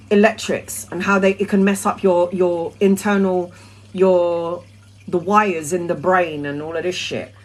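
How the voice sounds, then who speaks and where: Woman, middle-aged, mid-pitch; casual, sweary tarot livestreamer. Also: low-quality recording. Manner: chatty, blunt and sweary, with rambling restarts. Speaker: tarot reader answering viewer questions. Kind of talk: casual live-stream chat.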